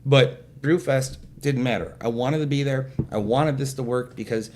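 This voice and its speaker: A man's voice: mid-range voice, normal speed, darkish tone, slight background noise. Guy rambling thru a funny story, pokes fun at himself. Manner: jokey, self-deprecating, acts out quotes. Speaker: event organizer guest. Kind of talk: casual storytelling chat.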